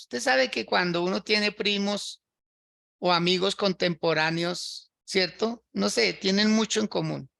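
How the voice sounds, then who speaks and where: A pastor preaching a livestreamed sermon, his voice gravelly and edged with brightness. He walks through scripture, circles back over his own phrases, and keeps asking listeners "right?". The sound is dry and close, with no room around him. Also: high-pitched, dry recording. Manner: repeats phrases while working through a scripture passage.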